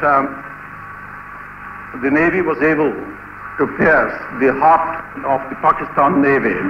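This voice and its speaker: A middle-aged naval commander reports in a measured, confident way, his voice at an ordinary pitch. The old newsreel audio is dull and lo-fi, with a steady hiss underneath. It rings with a long, roomy reverb. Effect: old radio newsreel sound. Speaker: naval chief giving an interview. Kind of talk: archival newsreel interview. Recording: dull, noisy, echoey archival newsreel recording.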